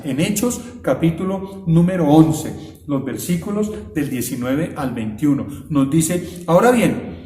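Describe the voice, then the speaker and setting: A man preaching a fervent sermon as pastor, swinging between loud cries and low murmurs. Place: church sanctuary. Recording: echoey church hall.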